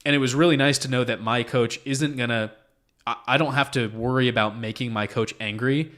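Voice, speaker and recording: A young man hosting a podcast, telling animated stories from his school sports days in casual conversation. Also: mid-range voice, fairly quick. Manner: animated storyteller, acts out quotes. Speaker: podcast host.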